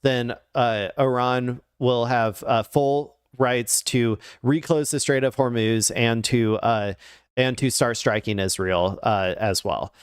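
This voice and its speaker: A man's voice: medium pitch, steady tone, slow, clear, resonant tone, dry recording, clean studio sound. Rambling, hesitant man reacting to news. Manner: rambling, hesitant, many fillers and restarts. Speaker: political news commentator. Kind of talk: casual reaction commentary.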